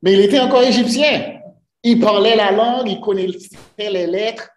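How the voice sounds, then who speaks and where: With a high voice and a moderate pace, a man preaches earnestly to his congregation in a church sanctuary. Rhetorical questions come up often, and the space is echoey.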